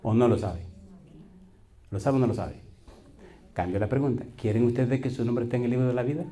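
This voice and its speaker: Man, pastor, sermon, folksy storyteller, mellow dark voice, call-and-response. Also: medium pitch, fairly even intonation, fairly quick. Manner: preaching with call-and-response questions.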